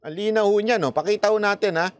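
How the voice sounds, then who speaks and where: A man's voice: high-pitched, fast talker, dry recording. A man vlogger giving casual commentary on the news, addressing officials directly and laughing at his own jokes.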